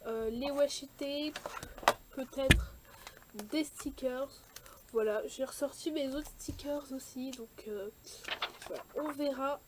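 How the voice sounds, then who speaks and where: High-voiced woman chatting through a craft tutorial. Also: slow, noisy background. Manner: hesitant, many fillers and restarts. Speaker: scrapbooking vlogger. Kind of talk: casual craft tutorial chat.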